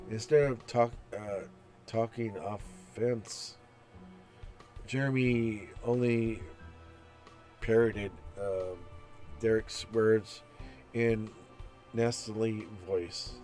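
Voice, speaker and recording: A man playing through a visual novel, reading its text aloud with restarts and commenting on the characters. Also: fairly low pitch. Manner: slow, chatty, reads text aloud with restarts. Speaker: gameplay narrator. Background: soft background music.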